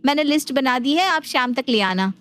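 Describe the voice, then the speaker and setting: A woman voices a headstrong young daughter-in-law in a cartoon. She is sassy and quick to talk back. Her voice runs high. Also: expressive, fairly bright tone, smooth.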